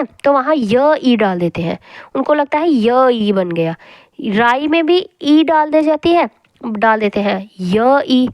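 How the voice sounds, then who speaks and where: A woman teaching a Hindi grammar lesson, speaking slowly and repeating each word as she drills spellings aloud. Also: high voice, a little mellow, no room sound. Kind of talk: classroom lesson explaining spelling.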